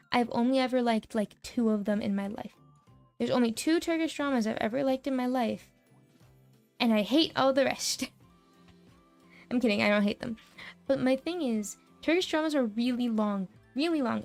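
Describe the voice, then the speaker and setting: Bubbly high-voiced woman streamer. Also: creaky. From United States. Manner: animated storytelling, laughs often, swears casually. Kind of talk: casual chat.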